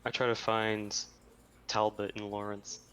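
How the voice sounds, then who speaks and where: A man playing a tabletop game, talking in a relaxed way and laughing often. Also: lowish voice, unhurried, smooth. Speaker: player. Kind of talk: casual tabletop play.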